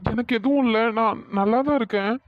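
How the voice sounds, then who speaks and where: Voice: medium pitch, quick pace, dry recording, highs cut off, lightly acted. A performer voicing an injured young man in a cartoon story, reassuring and teasing his girlfriend. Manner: reassuring, playful.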